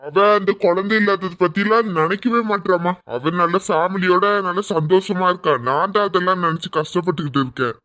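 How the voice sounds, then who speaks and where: A man's voice: high voice, fairly quick, few pauses, sharp tone. A man playing a devoted husband who speaks earnestly and indignantly in a family drama skit.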